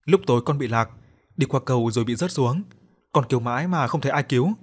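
A man's voice: mid-range voice, fast talker, breathy edge, close to an everyday voice. A man voicing a frightened little lost girl who sobs and pleads in a ghost story reading. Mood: tearful. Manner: sobbing, pleading.

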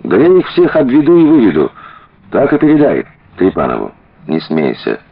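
An earnest young detective, played by a male reader, fervent and plain-spoken with a low, husky voice. His delivery is lively in pitch, and the recording sounds dull and lo-fi. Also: moderate pace, heavily acted.

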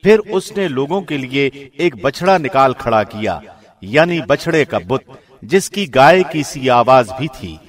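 With a medium-pitched voice, a man delivers a scripture translation in the formal, solemn, measured style of a professional radio presenter, though very animated.

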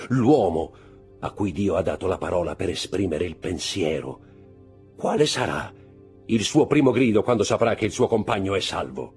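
A man's voice: mid-range voice, a little mellow, slightly rough, voice pushed up. A man voicing a cold, bitter aristocratic count who speaks in a sardonic, declaiming manner.

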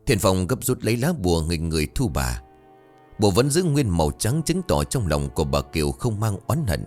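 A man reading a ghost story aloud in a dramatic, expressive way. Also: sits low, brisk, soft background music. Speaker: narrator.

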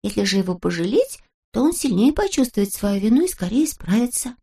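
A woman's voice: medium pitch, very animated, a little fast, warm tone, husky, voice pushed up. A woman voicing a sensible little girl who argues firmly and reasonably. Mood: reasoning. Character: sensible little girl taking a friend's side.

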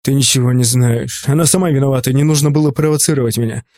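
A man voicing a cruel, obsessed young man who threatens, speaking in a lowered menacing voice for an audiobook. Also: fairly even intonation, quick pace, a little mellow, no echo, studio quality, close to an everyday voice.

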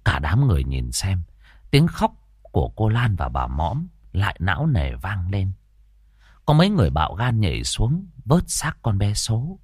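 A man narrating a ghost story in expressive audiobook style. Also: sits low, normal speed, slightly rough, no room sound.

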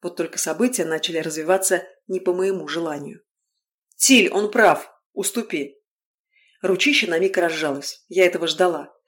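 A woman narrating a fantasy novel in the first person, telling it in a wry, lively way. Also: fairly low pitch, fairly quick, few pauses. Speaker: audiobook narrator.

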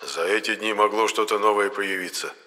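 A man voicing a haughty male ghost who talks in a lofty, mocking way, softer than his narration. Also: fairly low pitch, fairly even intonation, fairly quick, long reverb tail. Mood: authoritative.

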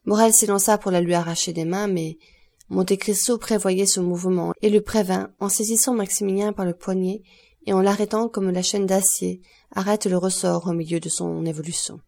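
A woman narrating an audiobook of a classic novel with a clear, expressive reading. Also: medium pitch, moderate pace. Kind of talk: scripted narration.

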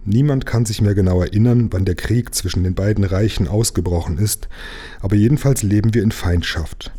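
A man voicing a sad, gentle young mermaid princess in a storybook read aloud, with a soft, tearful voice. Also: on the low side, brisk, breathy edge. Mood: sad, earnest.

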